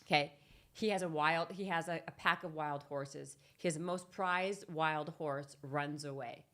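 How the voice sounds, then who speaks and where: Woman guest, very low voice, chatty storyteller who restarts and laughs a lot. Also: a little slow. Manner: animated, laughing, restarts often. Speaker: podcast guest. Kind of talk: casual chat, telling a parable.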